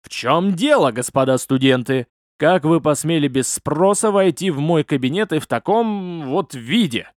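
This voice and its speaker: A man voicing an irritable old archmage rector in an audiobook, gruff and barking. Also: on the high side, sing-song, moderate pace, hardly any pauses, a little mellow, no room sound, clean studio sound, pitched above the performer's own voice. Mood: stern.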